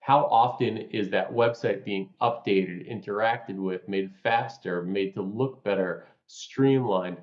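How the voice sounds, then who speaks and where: A man from New York co-hosting a podcast, explaining ideas through lively stories and examples. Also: fairly low pitch, takes it slowly, few pauses. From New York, USA. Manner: animated storyteller, explains with examples. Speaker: podcast co-host. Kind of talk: casual podcast chat. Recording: roomy, slightly dull sound.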